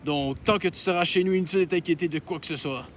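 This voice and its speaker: A man's voice: fairly high pitch, fast talker, heavy background noise, lightly acted. A man reading the lines of a know-it-all godmother, in a matter-of-fact, lecturing tone.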